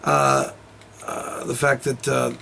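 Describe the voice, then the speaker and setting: A man's voice: mid-range voice, fairly even intonation, slow, gravelly, heavy background noise. A man co-hosting a comedy show, telling a news story in rambling, giggly banter.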